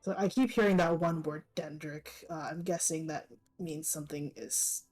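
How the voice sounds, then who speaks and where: Hesitant woman with a lowish voice, playing a tabletop game. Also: fairly even intonation, normal speed, a little mellow, faint music behind. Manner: hesitant, filler-heavy. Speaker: player. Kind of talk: casual tabletop play.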